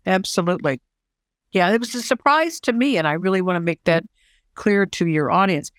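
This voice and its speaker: A woman in her sixties, a social worker and counselor, talking as an interview guest in an enthusiastic, expressive way. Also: lowish voice, fairly quick, no echo, clean studio sound. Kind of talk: casual conversation.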